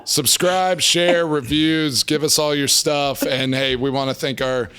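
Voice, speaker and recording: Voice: mid-range voice, steady tone, a little slow, a bit bright, clear, resonant tone. A podcast co-host in casual chat, playful and joking, with a teasing manner.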